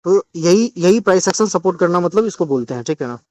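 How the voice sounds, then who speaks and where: A man's voice: high-pitched, animated, quick pace, darkish tone. A man teaching market chart analysis in Hindi, often asking "ठीक है" as he explains. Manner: repeats "ठीक है" to check understanding.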